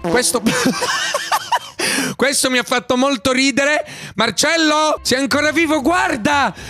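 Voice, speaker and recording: Hyper high-voiced man commenting gameplay. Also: moderate pace, over loud music. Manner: loud, hyper, shouting and sing-song outbursts. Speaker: gaming YouTuber.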